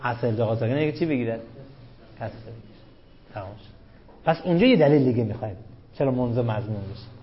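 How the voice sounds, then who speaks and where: A man's voice: medium pitch, animated, long pauses. A man teaching a grammar class, who keeps questioning his students and repeats the rules with emphasis. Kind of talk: classroom lecture on Arabic grammar. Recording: dull lo-fi classroom recording.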